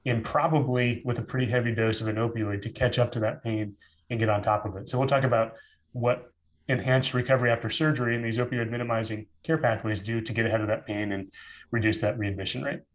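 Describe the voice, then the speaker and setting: A man presents in an online webinar with a mid-pitched voice. He explains points in a steady, measured way and restarts phrases as he thinks. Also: poor audio.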